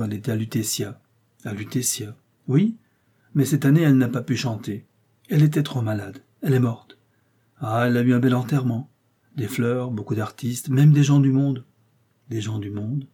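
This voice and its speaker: A man's voice: mid-range voice, warm tone, slightly rough, close to an everyday voice. A man voicing a naive, talkative and loyal working-class man in an audiobook, eager and easily alarmed. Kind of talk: audiobook character reading.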